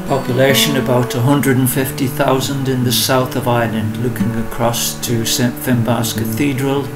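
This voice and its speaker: A man's voice: medium pitch, flat delivery, normal speed, poor audio. Chatty man narrating over street music. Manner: chatty, touring commentary with asides. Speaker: host and interviewer. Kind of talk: casual documentary narration. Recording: loud busker music in background. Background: loud street music.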